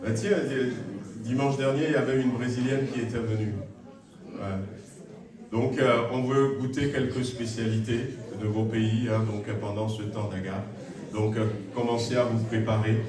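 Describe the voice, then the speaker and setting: A man with a steady, medium-pitched voice speaks at normal speed, giving announcements to the congregation in a warm-hearted but hesitant way packed with filler sounds. A crowd can be heard in the background of the distant, very echoey recording made in a large church hall.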